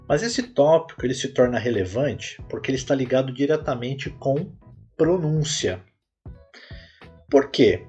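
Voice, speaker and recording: A man hosts a solo English-lesson podcast in a husky, mid-pitched voice. He explains each point patiently and repeats words to drive them home. Faint music sits behind him. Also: darkish tone. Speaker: English teacher and podcast host.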